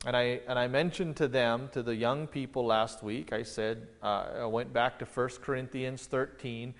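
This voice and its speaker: A man's voice: mid-range voice, fairly even intonation, normal speed, big-room sound. A pastor preaching an expository sermon in an earnest manner, stressing questions as he builds each point.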